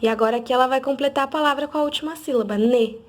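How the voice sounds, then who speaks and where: A woman, a literacy teacher, patiently sounding out letters slowly and clearly in an instructional video for parents. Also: high voice.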